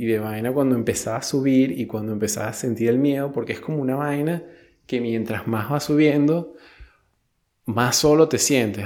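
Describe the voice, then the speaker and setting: A man's voice: mid-range voice, warm tone. Young Venezuelan man, casual storyteller, slangy and profane, rambles with restarts.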